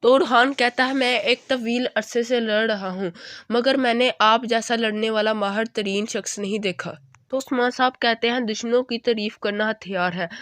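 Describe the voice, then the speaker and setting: Higher-pitched woman narrating a drama recap. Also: no room sound, clean studio sound. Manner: steady storytelling, reads quoted lines in her own voice. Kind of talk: retelling a drama episode.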